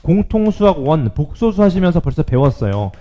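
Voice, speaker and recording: A male math teacher giving a lively classroom lecture, often checking in with his students. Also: a little high, fairly quick, muffled recording.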